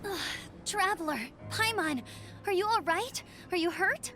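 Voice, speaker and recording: A woman voicing an energetic, caring young female scout in a video game. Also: very high voice, unhurried, a little hiss or hum, heavily acted. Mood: concerned. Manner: lively and concerned for others. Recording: game cutscene with music score. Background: game music.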